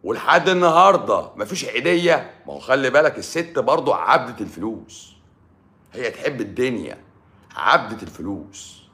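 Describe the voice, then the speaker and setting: Animated Egyptian man lecturing. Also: medium pitch, a little fast. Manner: preachy, emphatic, swings between loud and hushed. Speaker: doctor giving advice. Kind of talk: live-stream monologue.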